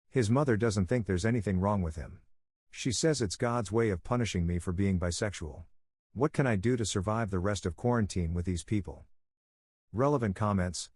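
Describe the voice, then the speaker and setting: A man reading a forum post aloud as a storytime narrator, in a steady, even voice. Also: lowish voice, no echo, clean studio sound.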